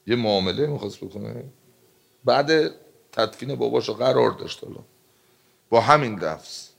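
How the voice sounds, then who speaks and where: A man preaching a sermon, telling stories and reciting religious texts in Arabic, moving between loud emphatic passages and hushed ones. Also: mid-range voice, vocal fry, breathy edge. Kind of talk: emotional sermon with storytelling.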